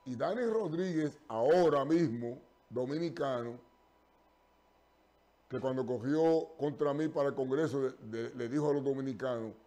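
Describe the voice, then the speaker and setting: A man's voice: medium pitch, warm tone. An older man hosts a live TV call-in show from a studio and speaks into a lapel mic. His speech halts on fillers and restarts, then pushes into emphatic stretches. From Puerto Rico. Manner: halting, with many fillers and restarts, turning emphatic. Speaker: TV call-in show host and pastor.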